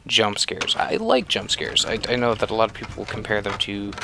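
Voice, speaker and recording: Gravelly man giving rambling game commentary. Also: fairly low pitch, sing-song, normal speed, sharp tone, slight background noise. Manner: rambling with many fillers, sometimes muttering. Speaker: game reviewer. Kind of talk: casual let's-play commentary.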